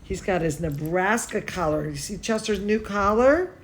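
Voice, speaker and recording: A mid-range, animated female voice with a breathy edge moves at a moderate pace. It belongs to a cooking teacher who also hosts children's bedtime stories, here reading aloud with fond, conversational asides and exclamations aimed at young listeners.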